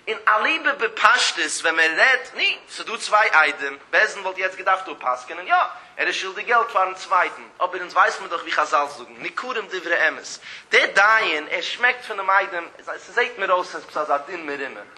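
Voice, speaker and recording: A man with a high, piercingly bright voice teaches from a religious text. He recites short phrases, then breaks them down in an animated, emphatic explanation. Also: normal speed. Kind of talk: traditional religious text lecture.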